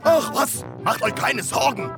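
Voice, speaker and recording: A woman voicing a bossy, fussy, croaking little frog in a children's audio drama. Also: high-pitched, animated, measured pace, music in the background, full character voice. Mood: know-it-all.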